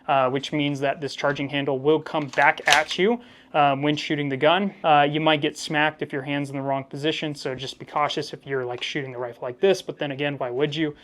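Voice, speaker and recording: A man with a slightly high voice talks as a casual reviewer speaking to viewers. He is critical yet measured, explaining drawbacks conversationally and leaning on key words. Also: steady tone, a bit bright, slight background noise. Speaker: firearm reviewer, host.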